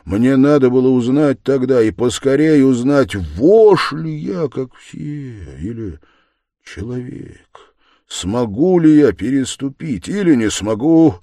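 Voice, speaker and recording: A tormented young man pours out a feverish, bitter confession, as a male reader acts him out. His voice surges with agitation and swings lively in pitch, recorded dry and close in an audiobook style. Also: takes it slowly, dry recording. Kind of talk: audiobook character voice.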